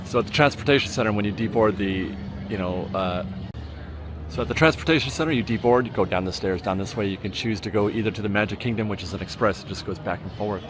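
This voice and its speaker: A man's voice: fairly low pitch, fast. A man giving casual tour narration on location as a vlogger guiding viewers through a ride. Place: public transit outing, on location. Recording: loud vehicle and crowd noise.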